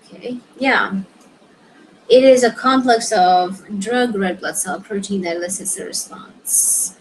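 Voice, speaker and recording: A woman's voice: mid-range voice, a little hiss or hum, low-quality recording. Woman studying aloud, reading and muttering. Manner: reads answer explanations aloud, then mutters quick asides to herself. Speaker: student reviewing exam questions. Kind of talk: thinking aloud while studying.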